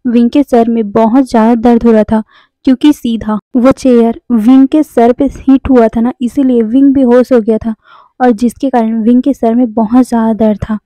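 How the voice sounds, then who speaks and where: A woman's voice: a little high, fairly even intonation, normal speed, dark tone, no room sound, low-quality recording. A woman narrating a serialized story in a casual, conversational way, mixing in English words and correcting herself as she goes.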